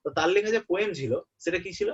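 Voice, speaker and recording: A young man tutoring a student for an exam in a relaxed way. He often checks that the student is following and repeats the key terms. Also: high voice, very fast. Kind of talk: informal exam-prep lesson. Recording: muffled lo-fi audio.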